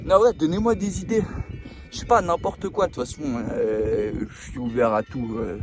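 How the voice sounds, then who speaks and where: A man's voice: fairly high pitch, fairly even intonation, normal speed. A man vlogging casually outdoors, joking and swearing in loose slang as he talks to the camera. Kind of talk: casual outdoor vlog chat. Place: outdoors on a mountainside.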